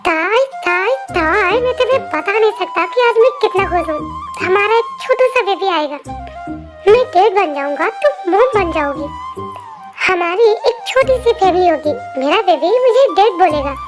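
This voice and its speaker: A woman voicing a possessive, quick-tempered young husband in a fan story narration, talking bossily. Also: very high-pitched, lively intonation. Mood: excited, doting. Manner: bossy, scolding, then doting. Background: faint music.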